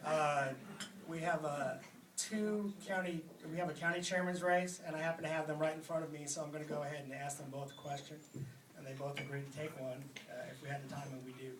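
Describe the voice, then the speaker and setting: A man with a somewhat high voice moderates a candidate forum, casual and halting, full of fillers. He sounds distant in an echoing hall, with clear noise behind him. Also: fairly even intonation. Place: large room at a public forum. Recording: echoey hall from afar, clear background noise.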